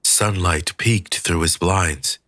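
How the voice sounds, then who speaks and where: A man reading an audiobook in a measured, expressive storytelling manner. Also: low voice, dry recording, clean studio sound. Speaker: audiobook reader. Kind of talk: scripted audiobook narration.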